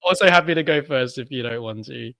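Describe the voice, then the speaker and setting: A man's voice: mid-range voice, a little fast, creaky, pushed and bright, no room sound. An Australian man co-hosting a podcast, chatting casually and reacting playfully. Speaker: podcast co-host. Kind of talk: casual chat.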